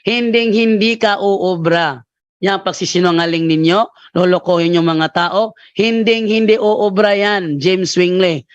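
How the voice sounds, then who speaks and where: Hoarse priest host, combative and taunting, high-pitched man; dull lo-fi dry audio. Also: a little slow, no room sound. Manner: taunting, repeats rebuttals at a raised voice. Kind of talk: combative live apologetics commentary.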